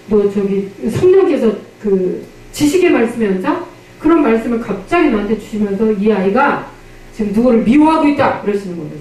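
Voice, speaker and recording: A woman's voice: fairly high pitch, warm tone. A woman pastor preaching a sermon and telling a testimony, with emphatic questions and frequent amens. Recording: very echoey, from a distance.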